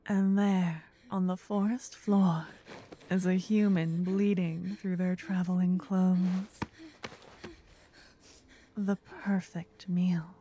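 A woman softly whispering a second-person ASMR story as narrator. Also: fairly low pitch, flat delivery, slow pace, a little hiss or hum.

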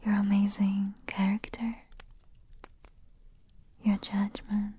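A woman whispering softly in an intimate, soothing ASMR roleplay as a queen. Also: mid-range voice, completely flat delivery, slow, slight background noise. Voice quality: soft whisper. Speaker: ASMR performer.

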